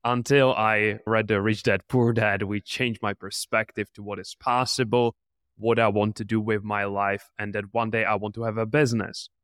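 A man's voice: lowish voice, flat delivery, normal speed, a bit bright, clean tone, no echo, clean studio sound. A man in his twenties from the Czech Republic, an entrepreneur answering interview questions in an earnest, motivational way. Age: 20s. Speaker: podcast guest, entrepreneur.

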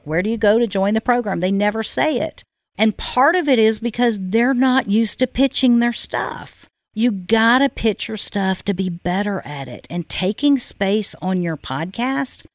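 A woman's voice: medium pitch, dry recording. A woman hosting her own podcast, coaching listeners in a direct, emphatic way and hammering her points home. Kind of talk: solo podcast monologue.

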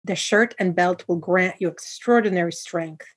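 A woman's voice: lowish voice, normal speed, husky. A woman voicing three magical sisters who speak in a solemn, prophetic way.

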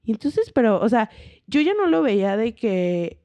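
A young woman with a Mexican accent chatting casually on a podcast with friends. Her voice is mellow and warm rather than bright. She tells anecdotes with animation, slipping into the voices of the people she describes. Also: on the high side, normal speed. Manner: animated storyteller who acts out quoted voices. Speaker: podcast co-host. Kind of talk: casual chat, storytelling.

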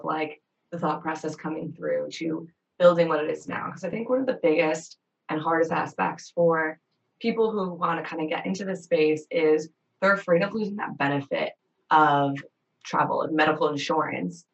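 A woman's voice: low voice, fairly quick, gravelly, recorded from a distance, highs cut off. A woman hosting a podcast, speaking in an upbeat, enthusiastic way as she introduces and questions her guest. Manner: enthusiastic, bubbly. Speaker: podcast host.

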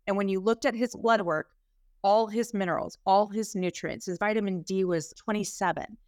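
A woman's voice: mid-range voice, moderate pace, a little mellow, dry recording, clean studio sound. A woman health practitioner, a guest on a podcast interview, telling stories about her clients with enthusiasm.

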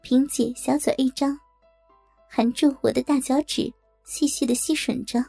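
High, gravelly-voiced woman narrator. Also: fairly even intonation, a little slow, warm tone, soft background music. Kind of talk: first-person audiobook narration.

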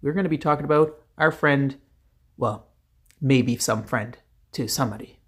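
A man's voice: medium pitch, normal speed, husky. A man hosting a casual solo podcast, talking in a loose, rambling way with many "uh"s and restarts. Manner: rambling, frequent filler words and restarts. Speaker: podcast host. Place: Canada.

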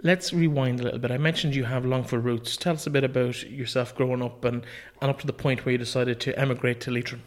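A man's voice: mid-range voice, fairly even intonation, quick pace, hardly any pauses. A man with an Irish accent hosting a conversational podcast interview, introducing and questioning a guest.

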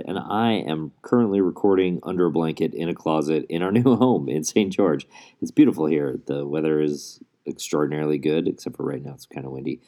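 A man's voice: sits low, mellow. A male podcast host talking in an earnest, rambling way, recorded under a blanket in a closet so his voice is muffled. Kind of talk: casual solo podcast monologue.

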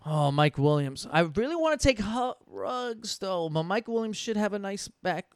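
A man's voice: high-pitched, expressive, moderate pace, smooth, no room sound, studio quality. A young man thinking aloud while drafting for fantasy football, casual and profane, arguing with himself over picks. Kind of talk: casual live draft commentary.

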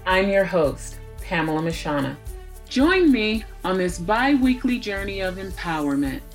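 A woman's voice: mid-range voice, sing-song, a little slow, soft background music. A woman hosting an interview podcast, reading a scripted intro and then asking encouraging questions. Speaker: podcast host.

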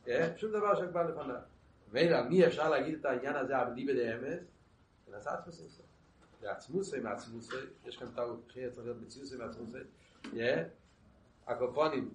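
A man's voice: fairly high pitch, distant mic. Man teaching text in an echoey room. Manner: halting, repeats words and restarts, asks and answers rhetorical questions. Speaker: Torah teacher.

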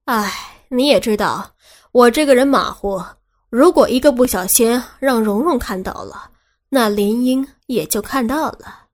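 A woman's voice: a little high, expressive, normal speed. A woman playing a cocky, swaggering young man. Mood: taunting. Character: cocky, cunning young man, boastful and teasing. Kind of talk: audiobook character reading.

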